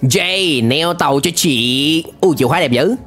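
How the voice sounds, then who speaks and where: In a fairly bright, fairly high voice, a young adult host reacts to a cartoon at a measured pace, commenting casually and letting out exclamations. He records in an indoor gaming room with a headset and a close boom-arm microphone while the cartoon's music plays.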